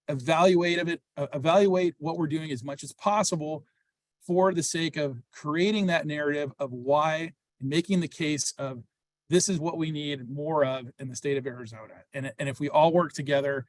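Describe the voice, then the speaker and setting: A man hosts an online webinar in a slightly raised, bright-edged voice. He talks fast and upbeat, with plenty of "uh" and "um". The sound is close and dry, as on a video call. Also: a little high, no echo. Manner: fast, upbeat, many fillers. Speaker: program host. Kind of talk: webinar presentation.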